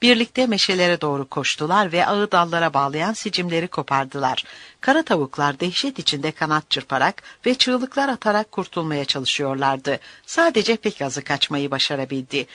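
A narrator reading a novel aloud as an audiobook, in an expressive storytelling manner. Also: medium pitch, no room sound.

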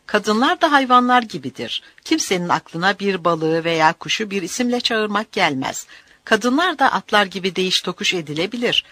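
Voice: medium pitch, fairly bright tone, dry recording. A narrator doing a scornful old village elder. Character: older cruel male village elder.

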